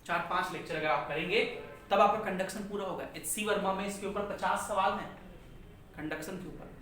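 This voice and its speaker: A man's voice: high voice, fairly quick, pushed and bright. Man teaching physics in an echoey classroom. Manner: asks the class questions and repeats key terms. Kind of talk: classroom lecture. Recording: echoey classroom from far off, faint noise.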